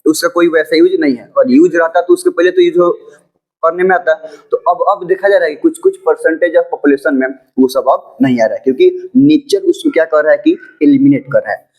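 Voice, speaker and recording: A man with a fairly high voice gives an informal classroom lecture. He asks his students rhetorical questions and repeats phrases as he explains. English textbook lines come out slow and deliberate. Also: lively intonation, darkish tone, low-quality recording. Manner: mixes English textbook lines into his speech, read slowly. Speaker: teacher.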